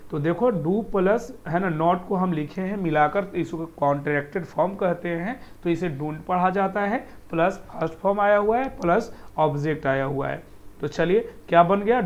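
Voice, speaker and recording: High-pitched guy teaching grammar, keeps asking questions back, dull lo-fi sound. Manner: patient, repetitive, quizzes the viewer. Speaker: English teacher. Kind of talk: explaining Hindi-to-English translation. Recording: dull lo-fi recording.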